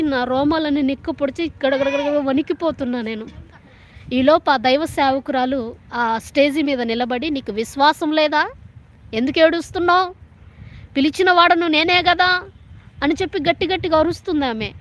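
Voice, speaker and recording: A woman evangelist of about thirty tells her personal religious testimony. Her voice sits high, and she speaks with earnest feeling, often restarting her phrases as she recalls the story. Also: lo-fi sound, a little hiss or hum. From Telangana, India.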